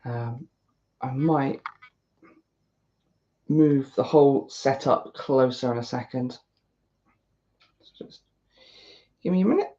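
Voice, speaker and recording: A woman's voice: a bass voice, takes it slowly, long pauses, warm tone. Rambling British woman, lo-fi sound. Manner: chatty, self-deprecating, talks to herself. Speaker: YouTuber building a model kit. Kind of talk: casual rambling chat while building. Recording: dull lo-fi recording.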